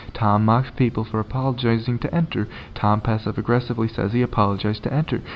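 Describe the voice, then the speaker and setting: A man talking through an internet commentary video in a loose, sarcastic way, dropping swear words freely. His voice sits at an ordinary middle pitch. The audio is a little dull and lo-fi. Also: creaky, a little hiss or hum. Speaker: commentary YouTuber. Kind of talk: casual profane commentary.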